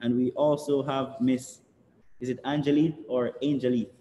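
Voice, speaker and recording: Relaxed Jamaican man hosting, echoey room. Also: mid-range voice, a little slow, highs cut off. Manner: relaxed, chatty, laughs between words. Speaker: host of a student office live stream. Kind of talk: casual live-stream introductions. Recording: echoey room with long reverb, faint noise.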